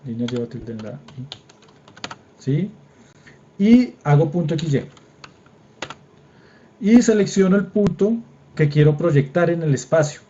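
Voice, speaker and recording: A young Colombian man lecturing over a video call, his voice mellow and relaxed. He talks informally and keeps checking that everyone can follow along. The audio is a bit dull, with the faint clatter of typing behind him. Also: fairly high pitch, a little slow, long pauses, a little hiss or hum. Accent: Colombian Spanish. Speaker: engineering drawing lecturer. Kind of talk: online class lecture with screen demo. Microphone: computer mic on a video call.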